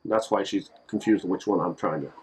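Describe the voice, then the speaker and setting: A man giving a casual lesson on simple phrases, relaxed and joking, repeating each word so it can be drilled. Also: sits low, normal speed, breathy edge, poor audio. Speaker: language teacher. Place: Japan.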